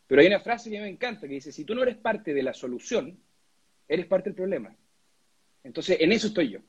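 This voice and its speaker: A man's voice: sits high, lively intonation, a little fast, husky, highs cut off. A young Chilean man, a lawyer running for office, answering an interview in earnest, with many restarts and repeated words. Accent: Chilean Spanish. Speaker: lawyer and constituent assembly candidate being interviewed.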